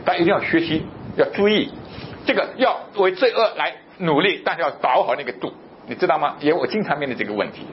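A middle-aged man from southern China preaching a sermon, telling a personal story with animated delivery and acting out the dialogue. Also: quick pace. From Guangzhou area of southern China. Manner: emphatic, sudden jumps in pitch and loudness. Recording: muffled recording with faint low rumble.

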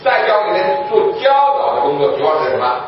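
A man's voice: sits high, sing-song, fast, a little hiss or hum. A man preaching a sermon, teaching a church audience and often asking rhetorical questions, then answering them himself. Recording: echoey room from far off, dull lo-fi.

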